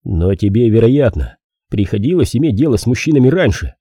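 A man voicing a gruff, blunt detective in his thirties in an audiobook. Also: medium pitch, big pitch swings, fairly quick, mellow, dry recording, studio quality. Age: 30s.

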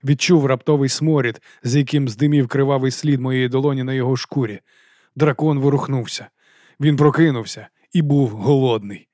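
A male narrator at a middle pitch tells a fantasy tale in the first person, in a measured, steady read. The recording is close and completely dry. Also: no room sound. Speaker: audiobook narrator.

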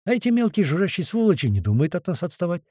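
A man narrating a first-person audiobook with vivid, lively storytelling. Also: high voice, quick pace, no room sound, clean studio sound.

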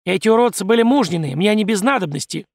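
A man voicing a loud, coarse, domineering peasant wife who scolds and bosses everyone. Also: lively intonation, quick pace, no room sound, clean studio sound. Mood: scolding. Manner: shrill, scolding, bossy.

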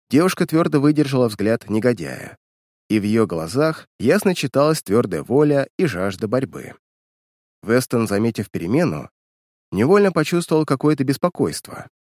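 A man narrating an audiobook in an expressive storytelling manner. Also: medium pitch, moderate pace, no echo, clean studio sound. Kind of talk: scripted narration.

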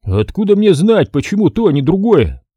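A man's voice: high-pitched, big pitch swings, normal speed, warm tone, husky, dry recording, voice pushed up, exaggerated voice. A man voicing an offended older man who owns an apartment and answers sulkily. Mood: aggrieved. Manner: sulky, offended.

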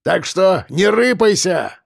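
A man's voice: sits high, very animated, slow pace, gravelly, pitched above the performer's own voice, heavily acted. A man voicing a defiant older male ex-convict who has switched sides, with a ringing, taunting voice, in an audiobook. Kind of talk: audiobook character voice.

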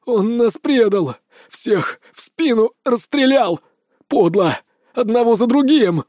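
A man voicing a young male senior student, a brawler who shouts, wheezes in pain and threatens revenge. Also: extremely high pitch, animated, slow pace, no echo, studio quality, voice pushed up, heavily acted. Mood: furious.

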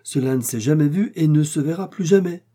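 A man's voice: fairly high pitch, a little fast, mellow, voice pushed up, close to an everyday voice. A man reading a story aloud, voicing a servile, shocked male concierge who stammers and pleads in a raised voice. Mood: flustered pleading. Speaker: character in a read story. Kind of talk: audiobook character reading.

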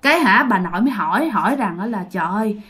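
This woman's medium-pitched voice is expressive, fast, a bit bright and slightly rough. She chats her way through a casual ghost story, addressing her listeners directly.

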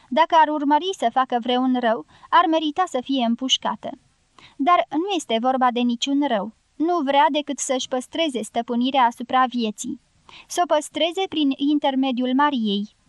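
A woman's voice: high-pitched, clean tone, dry recording, close to an everyday voice. A woman reading a skeptical young man's thoughts. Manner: wry, reasoning inner monologue. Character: young American man, dry and skeptical.

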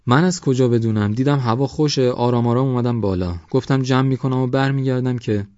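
A man's voice: mid-range voice, a little mellow, no room sound, highs cut off, pitched above the performer's own voice, lightly acted. A man voicing a polite, earnest young man from a village.

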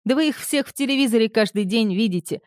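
Panicking man, frantic, shouting, dry close sound, voiced by a woman narrator. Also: fairly high pitch, lively intonation, fast, dry recording, voice pushed up, natural voice. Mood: panicked. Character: panicking middle-aged man, villa owner. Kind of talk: audiobook character reading.

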